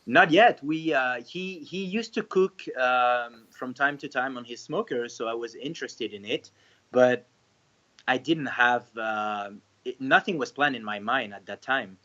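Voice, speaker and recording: A man's voice: mid-range voice, unhurried, pushed and bright, highs cut off. A man in his thirties from France, a restaurant owner talking casually in an interview, hesitant with many fillers and restarts.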